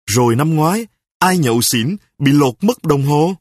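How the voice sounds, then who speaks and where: A man voicing a fretful young wife who starts out defensive and turns sharp-tongued in a spoken story, with a husky voice. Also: fairly high pitch, expressive, dry recording, clean studio sound. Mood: indignant. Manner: pleading, then snapping back in quick retorts.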